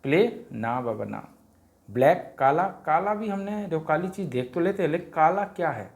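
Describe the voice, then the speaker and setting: His voice is fairly high and a little quick as he runs vowel drills for parents learning Hindi grammar. The teacher goes through a worksheet in a repetitive sing-song, asking and answering himself.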